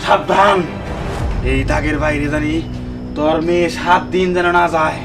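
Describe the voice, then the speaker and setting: A man's voice: a little high, fairly even intonation, moderate pace, close to an everyday voice. A man playing a grave, pious old village holy man in a drama, warning solemnly with a rural Bangladeshi accent. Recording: distant mic with music over it.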